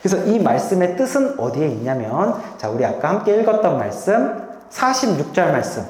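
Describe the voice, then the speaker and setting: A pastor delivers a Sunday sermon in a storytelling way, often inviting the congregation to read along. The pitch rises and falls with lively expression. The voice rings back from the walls of a large church hall with a long echo. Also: moderate pace. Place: church sanctuary. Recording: echoey hall with long reverb.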